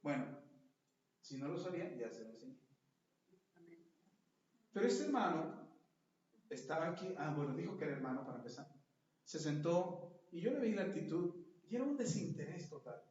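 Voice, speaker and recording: A man's voice: a little high, sing-song, moderate pace, pauses often, darkish tone. A middle-aged man, preaching a sermon and telling stories by acting out little scenes. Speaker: pastor. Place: church hall. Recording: echoey church hall, far from mic, dull.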